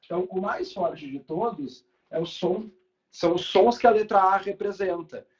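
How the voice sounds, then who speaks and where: A man's voice: high voice, moderate pace, muffled recording. A young adult man, teaching a live online class in a casual, chatty way with light swearing. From Brazil.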